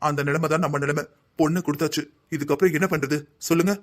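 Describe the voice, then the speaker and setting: A man voicing a patient young husband and son in a Tamil cartoon drama, reasoning calmly. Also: on the high side, fast, close to an everyday voice. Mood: soothing. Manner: calm, reasoning.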